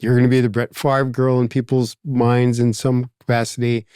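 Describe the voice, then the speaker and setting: A man's voice: mid-range voice, flat delivery, moderate pace, a little mellow, smooth, no echo. Reflective Philadelphia man, dry sound. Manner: reflective, rambling, many asides and fillers. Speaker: podcast host. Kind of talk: casual conversation.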